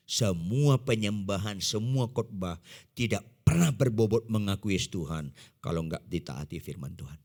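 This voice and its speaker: A man preaching a sermon in speech, emphatic, shifting between loud and quiet and putting questions to the congregation. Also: medium pitch. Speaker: pastor. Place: large church hall. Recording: echoey church hall.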